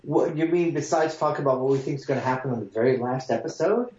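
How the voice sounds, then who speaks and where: A man's voice: medium pitch, fast talker, a little mellow, a little hiss or hum. A man co-hosting a podcast in casual chat, hesitant with many fillers, his voice hollow and echoing as if he talks from inside a hole. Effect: hollow echo, sounds like talking from inside a hole. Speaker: podcast co-host. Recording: echoey, muffled remote line.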